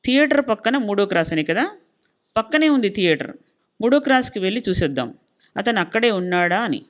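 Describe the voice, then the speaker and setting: A woman's voice: medium pitch, big pitch swings, brisk, natural voice. A woman voicing a stubborn middle-aged husband who lectures and scolds in an insistent, suspicious way. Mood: insistent lecturing.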